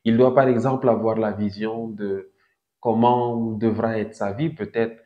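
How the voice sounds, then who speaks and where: A man in his thirties giving a didactic talk as host of a crypto channel, deliberate, with emphatic rises on key points. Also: fairly low pitch, steady tone. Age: 30s. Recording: echoey room, dull lo-fi sound.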